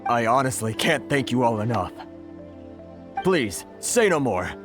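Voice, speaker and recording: A man's voice: medium pitch, big pitch swings, a little slow, music in the background. A man voicing an earnest, grateful merchant in a video game, talking with thankful hesitation.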